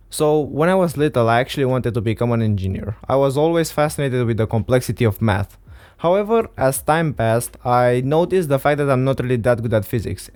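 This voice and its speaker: A Romanian teenage boy speaking English as a second language earnestly offers career advice to viewers in a casual vlog. His voice is described as a man's, medium in pitch with a darkish tone, and it's recorded on a studio XLR mic.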